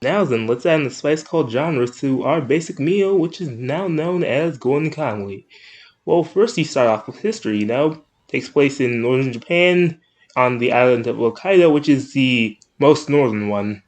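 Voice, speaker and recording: A man's voice: mid-range voice, moderate pace. A man hosting a casual anime review video, rambling, jokey and correcting himself as he goes. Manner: animated, up-and-down delivery. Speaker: anime reviewer, channel host.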